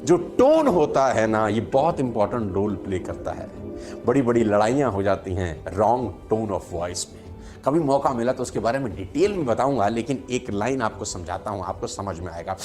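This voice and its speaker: A man's voice: moderate pace, soft background music. A man giving a motivational talk on communication to his viewers, acting out quotes with big swings in his voice. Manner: animated, acts out quotes with big pitch swings. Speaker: motivational speaker.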